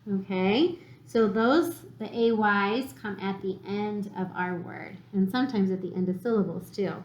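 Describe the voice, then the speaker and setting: Encouraging woman teacher sounding out phonics. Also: medium pitch. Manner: slow, encouraging, sounds words out for young children. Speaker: elementary school teacher. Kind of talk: recorded phonics lesson for children. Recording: echoey room.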